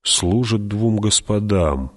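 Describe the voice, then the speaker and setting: A man's voice: on the low side, expressive, slow, voice pushed up. A man reading an audiobook, voicing a wry warrior who recites quotations in a sing-song way.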